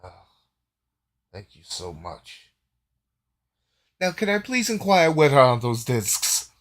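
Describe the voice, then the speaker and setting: A man voicing a flustered, secretive furry male restaurant owner who snaps back in a loud, indignant voice. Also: mid-range voice, wildly swooping pitch, slow, pitched above the performer's own voice, exaggerated voice. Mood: polite.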